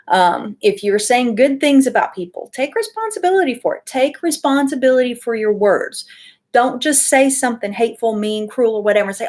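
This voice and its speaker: A woman giving a casual weekly oracle card reading from her home office, chatty and full of ums and asides. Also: medium pitch. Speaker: tarot and oracle card reader.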